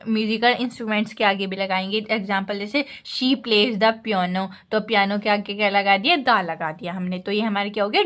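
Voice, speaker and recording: A woman teacher giving an exam revision lecture, reading English lines slowly and then explaining them in Hindi with frequent fillers. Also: on the high side, a bit bright.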